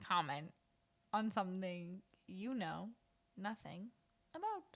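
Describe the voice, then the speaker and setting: A young woman co-hosting a podcast in casual chat, animated and incredulous, laughing often. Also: mid-range voice, slow. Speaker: podcast co-host.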